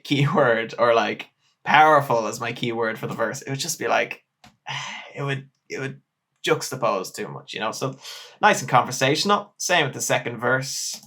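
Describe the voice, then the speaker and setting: Young Irish man, musician, easygoing chatty delivery, bright voice, mid pitch. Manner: relaxed, chatty, lots of ums and likes. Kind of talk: casual music breakdown talk.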